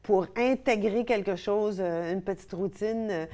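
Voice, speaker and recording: A middle-aged woman with a Québécois accent leads a laughter yoga session as the show's host. Her voice sits at an ordinary middle pitch. She talks in a bubbly way and breaks into hearty laughs between the chanted exercises. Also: unhurried, mellow. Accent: Québécois French. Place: TV studio.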